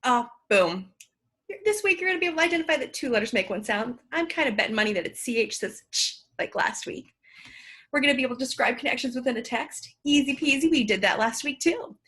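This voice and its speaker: Woman teacher, lesson video, playful and encouraging, animated pitch, breathy husky tone. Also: fast. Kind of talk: home-learning lesson video.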